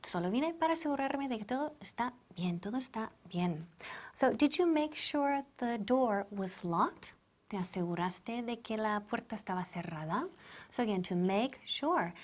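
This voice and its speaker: A woman with a mid-range voice teaches English to Spanish speakers, switching between the two languages. She repeats words slowly so learners can copy them.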